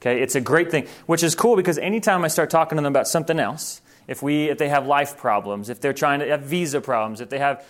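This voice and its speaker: A man's voice: fairly high pitch, fast, hardly any pauses. Earnest man teaching missionaries. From Thailand. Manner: earnest, informal, self-correcting. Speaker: missionary trainer. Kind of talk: conversational training talk.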